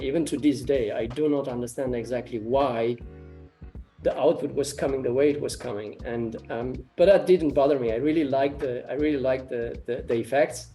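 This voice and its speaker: A Romanian man, probably in his thirties, an artist and ecology researcher, answers interview questions in a warm, mid-range voice. He sounds hesitant, using lots of fillers and restarting his phrases.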